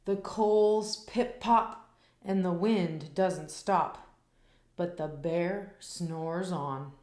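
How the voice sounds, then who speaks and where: A woman reading a children's picture book aloud in a slow, expressive, rhythmic way, after a casual spoken intro. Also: lowish voice, echoey room.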